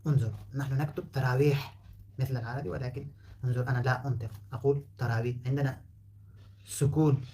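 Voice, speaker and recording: A man whose first language is Pashto gives a relaxed spoken lesson, patiently explaining and repeating words to show how they are pronounced. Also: medium pitch, quick pace. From Afghanistan. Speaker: language teacher.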